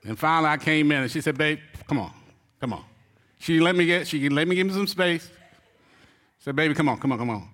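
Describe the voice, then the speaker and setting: A pastor preaches in a high, bright, expressive voice, acting out his story with loud comic cries and quick asides to his listeners. The church hall gives his voice a long, ringing reverb.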